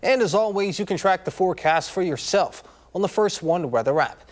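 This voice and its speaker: A man's voice: high-pitched, expressive, a little fast. A man anchoring an evening TV newscast from a studio, upbeat, with casual asides. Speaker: news anchor. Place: TV news studio.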